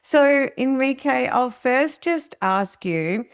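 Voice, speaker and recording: A woman's voice: high voice, animated, slow pace, clean tone, dry recording, clean studio sound. A woman hosting a podcast, talking in a chatty, casual way and laughing often. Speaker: podcast host. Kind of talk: casual interview chat.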